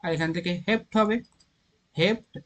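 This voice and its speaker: Counting carbon atoms one by one as he thinks aloud, a Bengali-accented chemistry teacher walks through organic naming in a relaxed classroom lesson. He speaks at normal speed in a high, slightly bright voice.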